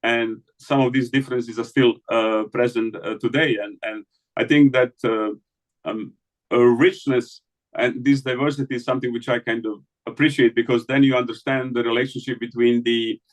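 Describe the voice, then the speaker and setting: Male scholar from the Balkans, mid-pitched, hesitant and thinking aloud in an interview. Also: fairly even intonation, normal speed. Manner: hesitant, many fillers and restarts. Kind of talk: academic conversation.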